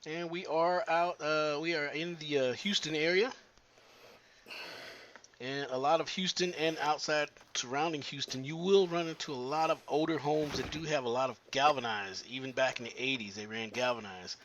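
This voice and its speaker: A plumber narrates his work as he crawls through a cramped attic, talking in a halting way with many filler pauses. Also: fairly high pitch, fairly even intonation, fairly bright tone. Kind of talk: how-to narration while working.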